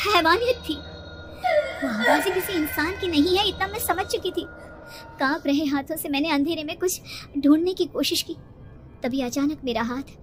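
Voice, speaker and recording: Woman telling a scary story in first person, high voice, tense and dramatic, music going behind. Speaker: narrator. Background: background music.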